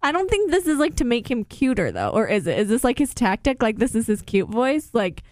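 A woman's voice: a little high, very animated, fairly quick, darkish tone, no room sound, clean studio sound. A woman co-hosting a casual podcast chat, blunt and opinionated, laughing often. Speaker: podcast co-host. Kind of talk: casual chat recapping a reality show.

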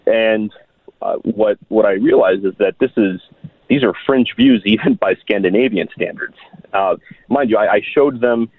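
A man in his thirties from Miami, a guest on a radio show, talking earnestly and haltingly with many restarts and fillers. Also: fairly low pitch. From Miami, United States. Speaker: guest writer. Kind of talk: radio interview over the phone. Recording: tinny phone line.

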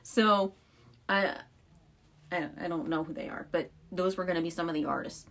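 Woman, young, podcast co-host, casual storytelling, vocal fry, lowish voice. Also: steady tone, normal speed, fairly bright tone, a little hiss or hum. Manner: chatty storyteller, frequent "like" fillers. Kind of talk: casual chat.

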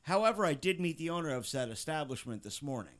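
A man's voice: on the high side, quick pace. A man from Pennsylvania hosting a podcast, telling a work story casually and with plenty of swearing. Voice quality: profane, animated storyteller. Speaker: podcast host.

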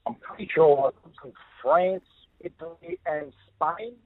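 A man's voice: fairly high pitch, expressive, slow, no room sound. An Australian man chatting casually as a radio quiz caller, heard down a narrow phone line.

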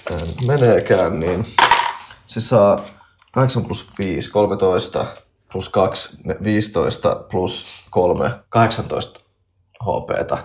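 A man playing a tabletop game, describing his character's actions in a lively way and slipping into English game terms. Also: low voice. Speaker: player. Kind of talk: casual tabletop play.

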